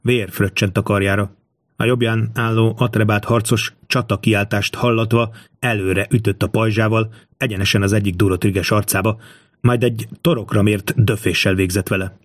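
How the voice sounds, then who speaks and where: A man reading an audiobook in a steady, measured storytelling voice. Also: lowish voice, no room sound. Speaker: audiobook narrator. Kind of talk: scripted audiobook narration.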